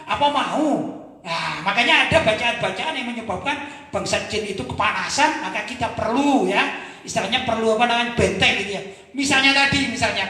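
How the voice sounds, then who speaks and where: Chatty cleric in an echoey hall. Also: male voice, very high-pitched, sharp tone. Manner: conversational, checks in often with rhetorical questions. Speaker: Islamic cleric. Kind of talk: religious Q&A lecture. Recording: echoey hall with long reverb.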